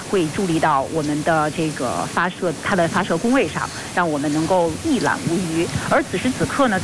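A woman reporting live from outdoors as a news correspondent, speaking earnestly and formally with hesitant pauses as she improvises. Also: on the low side. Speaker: field reporter for a radio broadcast. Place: outdoors at a launch site. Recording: noisy outdoor live feed with steady hiss.

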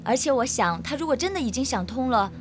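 Young, earnest, sweet daughter role, high voice, television drama with scoring underneath. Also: female voice, expressive, fast, over music. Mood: earnest, concerned. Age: young adult.

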